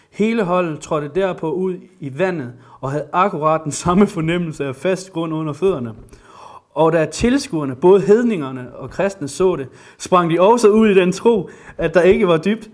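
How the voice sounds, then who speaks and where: Enthusiastic man preaching, higher-pitched. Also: darkish tone. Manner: enthusiastic, many fillers and restarts. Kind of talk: informal sermon with Bible reading.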